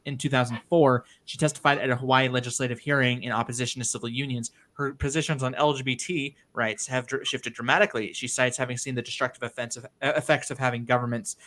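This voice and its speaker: A man's voice: mid-range voice, steady tone, fast, hardly any pauses, sharp tone. A young man co-hosting a casual political stream, reading notes aloud with crude asides and frequent restarts. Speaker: stream co-host.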